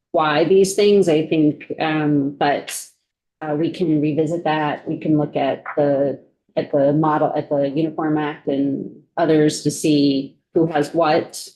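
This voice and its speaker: A woman serving as legal counsel at a committee hearing, going through a bill section by section in a halting way, thinking aloud. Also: low voice, dark tone, low-quality recording. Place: legislative committee room.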